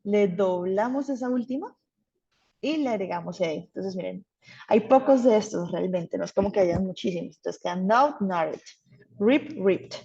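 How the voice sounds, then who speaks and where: A woman's voice: medium pitch, normal speed, creaky, warm tone, husky, muffled recording. A woman teaching an English grammar class, patient and checking in often with her students. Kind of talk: online class explaining grammar.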